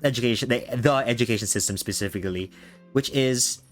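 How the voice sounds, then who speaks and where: A man chatting casually as a streaming show host, haltingly, often repeating words as he thinks. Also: medium pitch. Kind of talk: casual chat. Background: background music.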